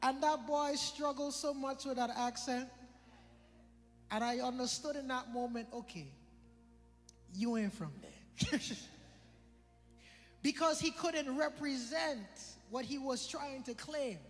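Male preacher, British Virgin Islands accent, high voice, repeats lines and quizzes the congregation; echoing hall. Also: slow, long pauses, soft background music. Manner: questions the congregation, repeats phrases for emphasis. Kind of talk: sermon.

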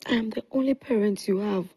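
An actress playing a blunt, protective middle-aged aunt in a naturalistic screen drama. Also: female voice, medium pitch, a little fast, mellow, breathy edge. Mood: guilty, sorrowful. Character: protective, blunt aunt who raised her niece.

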